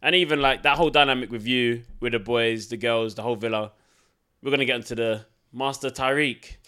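Male host, twenties, London urban accent, medium pitch. Relaxed interview banter, jokey and agreeable, street slang. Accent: London urban British.

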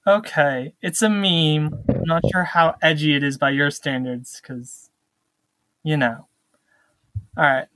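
A man's voice: fairly high pitch, steady tone, slow pace, long pauses, fairly bright tone, no echo, rough recording. An American man guests on a casual podcast, arguing his points in an explanatory way. The recording is dry, with no audible room around his voice. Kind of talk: casual debate and banter.

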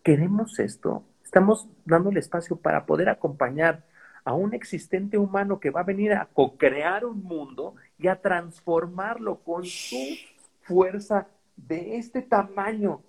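A man's voice: high voice, a little slow, gravelly, breathy edge, poor audio. A man with a Mexican accent chatting casually as a podcast guest, slangy and profane, constantly tossing in "¿sabes?". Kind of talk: casual conversational storytelling.

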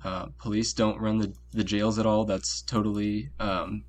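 Low-voiced man explaining over a call. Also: level tone, moderate pace, a little hiss or hum. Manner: laid-back explaining with many fillers. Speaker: podcast co-host. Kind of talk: casual chat on a call.

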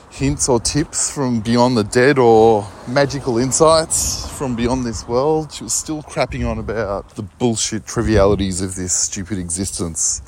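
An Australian man in a loose, profane walking monologue, pitched in the middle range. He rambles and laughs easily. Faint background noise sits under his phone recording. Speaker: vlogger. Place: walking about, partly in a supermarket.

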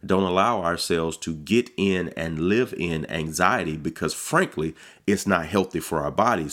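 Middle-aged male pastor with a deep, low-pitched voice; relaxed, conversational podcast delivery with frequent restarts. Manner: conversational, repeats words when starting sentences. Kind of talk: casual devotional podcast talk.

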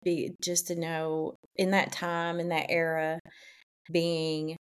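A woman's voice: low-pitched, completely flat delivery, takes it slowly, clean tone. A middle-aged woman from Eastern Kentucky with an Appalachian accent, reminiscing casually in conversation. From Eastern Kentucky, United States.

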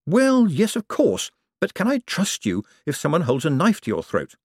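A slippery young con man talks in wry, hedging bursts, pitched slightly up with lively swings in his voice. He is a charming storybook rogue, as the male narrator puts him on. The sound is close and dry. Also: moderate pace, husky, no room sound, exaggerated voice. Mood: evasive. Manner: hesitant, wry and evasive.

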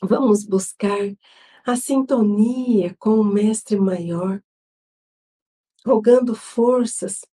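A Brazilian woman hosting an online Spiritist gospel study, leading an opening prayer and reading a devotional text in a solemn, measured way. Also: mid-range voice, warm tone. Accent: Brazilian Portuguese. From Brazil, São Paulo state.

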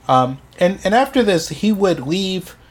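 A man presenting history on a casual podcast, with frequent ums and halting restarts. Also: high-pitched, big pitch swings.

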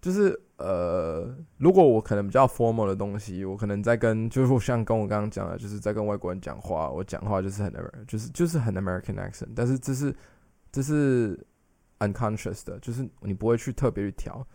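A man's voice: on the low side, lively intonation, fairly quick, vocal fry, dark tone, no room sound. A young man, co-hosting a podcast in casual chat, rambling with restarts and English phrases mixed in. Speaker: podcast co-host.

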